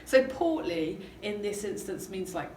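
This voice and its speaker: A woman's voice: medium pitch, very animated, a little slow, dark tone. A woman teacher talking casually through a novel, chatty and hesitant with lots of ums. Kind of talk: casual literature lesson chat. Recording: roomy, distant mic, background noise.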